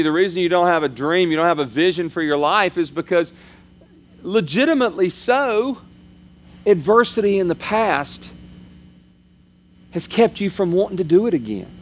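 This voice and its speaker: A male pastor delivering a sermon in an easy, conversational way, his voice sitting somewhat high for a man. He lifts and drops his pitch to stress his points. A faint hum of noise lies under the recording. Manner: conversational preaching, pitch rising and falling for emphasis.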